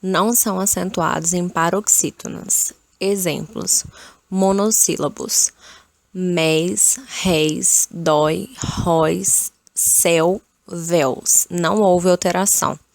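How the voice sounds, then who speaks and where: Female teacher, slightly low voice with some fry, dry close mic. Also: no echo. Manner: slow, steady reading of rules and examples. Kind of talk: explaining spelling rules.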